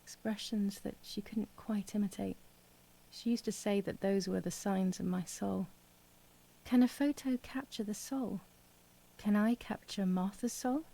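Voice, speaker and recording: An actress voicing a young woman grieving her lost twin sister, narrating her thoughts quietly in a game voice-over with a husky, gravelly voice. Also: mid-range voice, a little slow, low-quality recording. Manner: quiet, reflective inner monologue.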